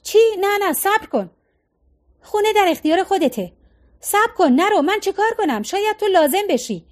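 A woman's voice: very high voice, sing-song, pitched above the performer's own voice. A woman voicing a sulky, anxious young adult son who protests petulantly.

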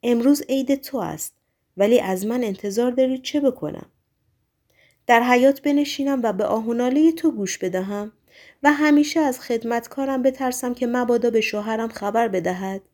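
A woman's voice: on the high side, a little mellow, pitched above the performer's own voice, lightly acted. A woman reading the part of a haughty, cold young woman who answers curtly and with a bite. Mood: cool, haughty. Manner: cold, curt, biting.

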